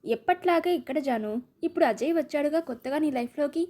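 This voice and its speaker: A woman voicing a warm young friend who speaks in an encouraging, affectionate way, in a storybook reading. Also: high voice, quick pace, close to an everyday voice.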